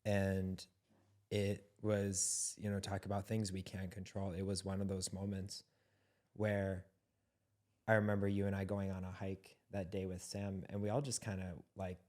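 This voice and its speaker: Young guy podcast cohost, low even voice, earnest and reflective. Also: normal speed. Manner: earnest and reflective, searching for words. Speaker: podcast co-host. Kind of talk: candid podcast conversation.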